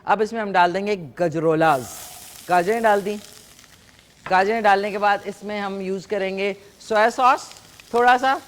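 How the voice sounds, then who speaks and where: A woman's voice: mid-range voice, slight background noise. A woman hosting a live morning show, chatting and teasing callers while she cooks in a studio kitchen on a lapel mic. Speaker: morning show host and cooking presenter. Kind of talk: live TV chat and cooking demonstration.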